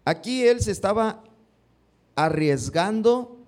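In a high-pitched voice and at a slow pace, a man gives a sermon, frequently putting questions to the people before him. His stress climbs in a lively manner as he speaks.

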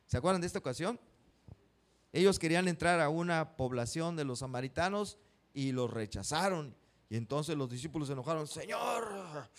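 Preacher guy, kinda high voice, keeps asking the church questions, reads verses slow. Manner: asks the congregation questions, reads verses slowly. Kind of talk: sermon.

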